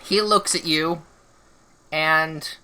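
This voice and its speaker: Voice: mid-range voice, steady tone, drawn-out words, sharp tone. A game master narrating a tabletop game in a hesitant way, full of fillers.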